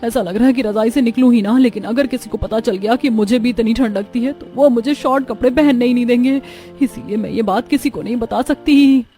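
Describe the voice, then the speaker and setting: A woman's voice: on the high side, brisk, mellow, faint music behind, natural voice. A woman voicing a vain, showy young city woman who mocks others. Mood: fretful. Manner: mocking, showy.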